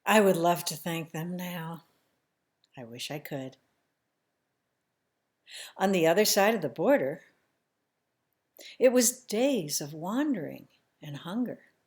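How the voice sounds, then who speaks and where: A woman telling a family story in the first person, slow and emotional, sometimes dropping to a hushed near-whisper. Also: on the low side, lively intonation.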